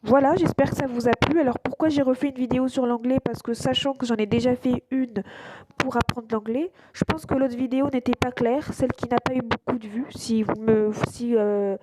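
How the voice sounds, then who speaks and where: A woman's voice: on the high side, steady tone, a little fast, heavy background noise. A woman hosting her own channel, casually walking viewers through an app over a screen recording, hesitant and full of fillers and restarts. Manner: keeps saying voilà. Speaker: YouTube channel host.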